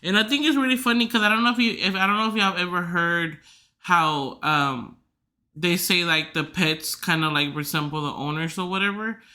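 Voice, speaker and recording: A young woman chatting casually on her podcast, her voice very bright and forward. She rambles and fills her sentences with "like," slipping in giggly asides as she goes. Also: fairly low pitch, brisk. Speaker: podcast host. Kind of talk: casual chat.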